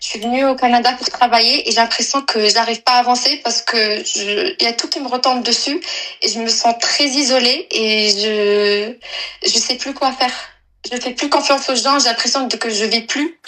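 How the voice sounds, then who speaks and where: Caller, woman in her twenties from Algeria, higher-pitched voice, halting delivery with restarts. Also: sharp tone, rough recording. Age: 20s. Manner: hesitant, halting, many fillers and restarts. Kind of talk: personal confession on a live call.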